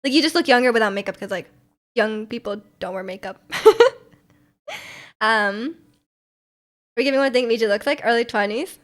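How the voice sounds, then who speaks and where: A woman's voice: a little high, normal speed, long pauses. A woman in her twenties streaming, chatting casually and reading viewer messages, giggly and talkative. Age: 20s. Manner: giggly, chatty, often laughing.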